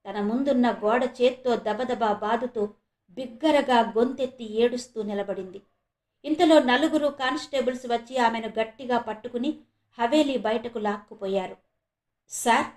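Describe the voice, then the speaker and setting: Woman narrating a horror serial, roomy echo. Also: fairly high pitch. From India. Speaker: storyteller, channel host.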